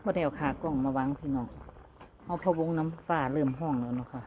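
A woman's voice: deep voice, fast, a little mellow, a little hiss or hum. A woman with an Isan accent chatting casually to camera as she cooks and gardens, laughing often. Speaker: vlogger cooking and gardening at home. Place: outdoors at a rural home.

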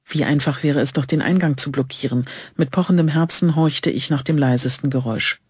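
A man reads an audiobook with steady, suspenseful narration. His voice is husky and somewhat high. The recording is dry and a little dull and lo-fi. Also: brisk, dry recording. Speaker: audiobook reader. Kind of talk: scripted narration.

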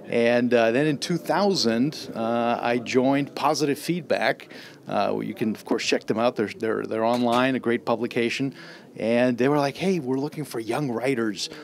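A middle-aged man from Austria, an audio writer, talking casually to camera at a trade show in an eager, rambling way full of fillers and restarts. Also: medium pitch. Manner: eager, rambling, with many fillers and repeated starts. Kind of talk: casual spoken introduction to camera. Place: trade show demo room. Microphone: handheld mic held close.

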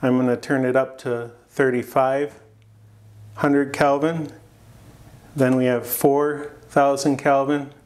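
A man in his forties walks through a product demonstration in a plain studio. He explains in a plain, unhurried way, with an occasional um or uh between points. His voice sits at a middling pitch for a man. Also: a little mellow. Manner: plain, unhurried explaining with some filler pauses. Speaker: product presenter. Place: studio with plain backdrop, indoors.

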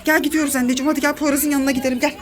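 Very high-voiced excited mother. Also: racing, crowd noise. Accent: Turkish. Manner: excited, dramatic warnings to a child. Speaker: mother filming her children. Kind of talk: family pretend-play vlog.

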